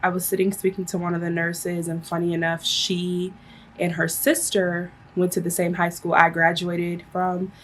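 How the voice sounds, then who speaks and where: A woman's voice: lowish voice, monotone, normal speed, fairly bright tone, a little hiss or hum, low-quality recording. A woman of around thirty telling a personal story casually to her viewers in a chatty, conversational way. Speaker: vlogger.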